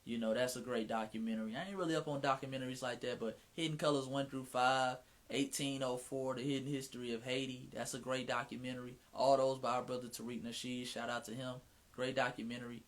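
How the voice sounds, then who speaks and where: A man with a Southern drawl carrying a Mississippi twang talks freely in a relaxed livestream chat, frank and loose with slang and profanity. His voice sits at an ordinary middle pitch, and he often restarts his sentences. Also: fast talker. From Atlanta, US. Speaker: author hosting his own livestream.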